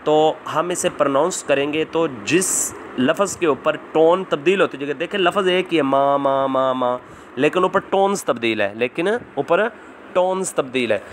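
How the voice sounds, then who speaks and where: A man's voice: on the high side, a little hiss or hum. A man giving an online lesson over slides, asking questions aloud and repeating the answers. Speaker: language teacher.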